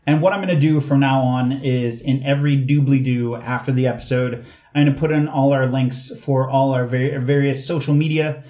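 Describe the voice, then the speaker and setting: A man's voice: mid-range voice, steady tone, moderate pace, mellow. Rambling, joking man co-hosting a podcast. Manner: rambling, joking, self-correcting. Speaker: podcast co-host and editor. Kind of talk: casual podcast chat.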